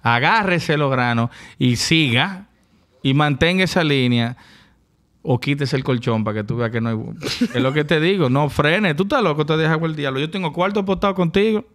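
A man's voice: fairly high pitch, normal speed, fairly bright tone. A man with a Dominican accent, a podcast guest in casual banter, teasing and blunt with plenty of swearing.

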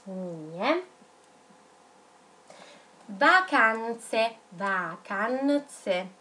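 A woman teaching young children in a video lesson, dictating words slowly and spelling them out syllable by syllable. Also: a little high, sing-song, sharp tone, a little hiss or hum. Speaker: primary school teacher.

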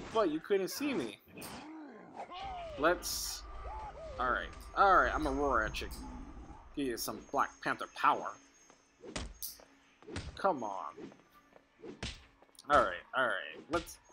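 Man, mid-pitched, upbeat and playful gameplay commentator, home recording with steady hiss. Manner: playful, excitable, talks to his child while playing. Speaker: gameplay video host.

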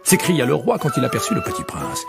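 A man narrating a children's audiobook in an expressive, hushed way, often dropping near a whisper. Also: fairly high pitch, fairly quick, vocal fry, loud music behind the voice.

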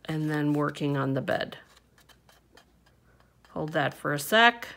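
Slow-talking woman explaining a craft. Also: deep voice, expressive, vocal fry, fairly bright tone. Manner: unhurried, chatty step-by-step instructions with fillers. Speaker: papercraft instructor. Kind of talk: hands-on craft tutorial. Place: indoor craft table.

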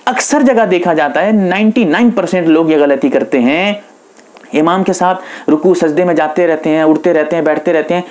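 A man's voice: sits high, darkish tone. A male Islamic scholar with an Indian accent explains prayer rules to his audience. He talks patiently and methodically, restating each instruction several times for emphasis. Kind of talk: religious instruction lecture.

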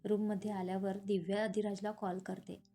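A woman's voice: mid-range voice, flat delivery, normal speed, mellow. A woman narrating a serialized romantic story as storyteller, reading steadily. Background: faint guitar music.

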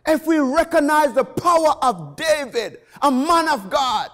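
High-pitched, slow, impassioned male preacher. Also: expressive. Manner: impassioned, rising to shouts on key phrases. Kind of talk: sermon.

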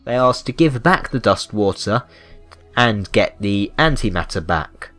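His voice sits on the low side with a slightly bright tone. A British man, he gives loose, unscripted video game commentary, wryly feigning indignation, over background music.

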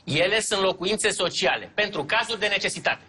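An actress playing a scheming mayor who dodges requests and performs for a camera. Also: female voice, medium pitch, expressive, pushed and bright, breathy edge. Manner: evasive, theatrical. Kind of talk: sitcom acting.

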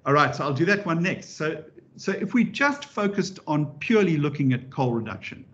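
Animated male professor, dull lo-fi recording. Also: fairly high pitch, moderate pace. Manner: lively and animated, with frequent restarts and wry asides. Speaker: professor giving a public lecture. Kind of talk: interactive lecture.

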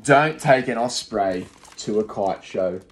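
In a small room, a young adult male teacher sits reading a rhyming picture book to young children, expressive and rhythmic. His voice is lowish and he goes slowly; the recording comes from a phone close in front.

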